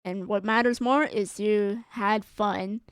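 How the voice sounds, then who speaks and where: A woman streamer signs off in a casual, giggly, rambling chat full of laughs and fillers, her voice strained and tired. She speaks slowly in a smooth, mid-range voice with fairly even intonation, in a dry, studio-quality recording.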